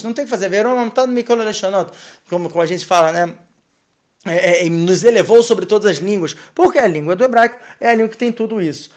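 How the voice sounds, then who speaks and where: Animated high-voiced man teaching Torah. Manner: animated, expressive teaching, sprinkled with Hebrew terms. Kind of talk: casual religious lesson.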